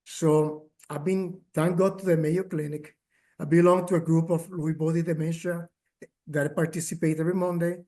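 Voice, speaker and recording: A man speaking as a caregiver at a workshop, telling his story with many pauses, fillers and restarts, and growing emotional at times. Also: on the high side, level tone, mellow. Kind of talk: personal testimony, remote talk.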